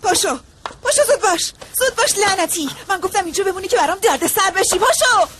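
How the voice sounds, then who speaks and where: A woman dubbing a sharp-tongued young woman who harshly scolds her younger brother. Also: extremely high pitch, lively intonation, slight background noise. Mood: angry scolding. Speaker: dubbed drama character, elder sister. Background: background score music.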